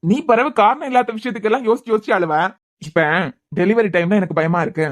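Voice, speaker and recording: A woman doing a brisk teasing young husband. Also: medium pitch, lively intonation, close to an everyday voice. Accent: Kanyakumari Tamil. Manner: fast, bantering slang, stern at times. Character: young husband, a hospital head, teasing but devoted. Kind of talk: cartoon web series voice acting.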